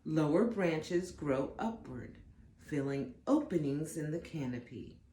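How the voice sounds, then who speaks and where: A woman reads a picture book aloud to young listeners in a low, soft-edged voice, dramatic and deliberate with lively intonation. The room adds a noticeable echo, and there's slight background noise.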